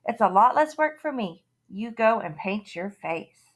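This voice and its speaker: A woman's voice: on the high side, expressive, measured pace. A woman voicing an easygoing father who answers offhandedly in a storybook reading. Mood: offhand. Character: easygoing dad, unbothered.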